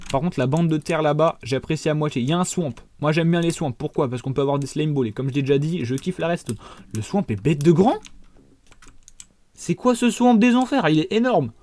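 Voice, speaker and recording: A young man in his twenties talks through a game in a loose, rambling way, his voice sitting a little high. He swears often and speaks directly to his viewers. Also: fast, dark tone. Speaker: gaming YouTuber. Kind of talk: casual gameplay commentary.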